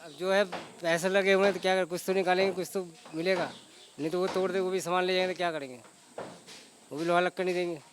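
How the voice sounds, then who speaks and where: A man's voice: high voice, steady tone, quick pace, background noise. A man, a longtime local resident, telling a reporter outdoors how things are in plain-spoken, rambling complaints. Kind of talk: street interview. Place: outdoors at a demolition site.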